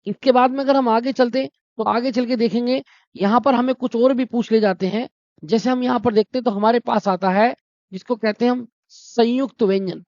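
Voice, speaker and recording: A man's voice: very high-pitched, steady tone, fairly quick, a little mellow, no echo. A man teaching a Hindi exam-prep lesson, explaining step by step, asking his own questions and answering them, and calling his students brother and friends. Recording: dry, dull lo-fi sound.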